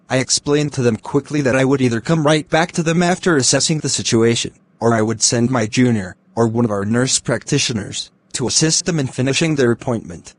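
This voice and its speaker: Formal man giving measured interview answers. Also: mid-range voice. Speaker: doctor candidate in a speaking exam.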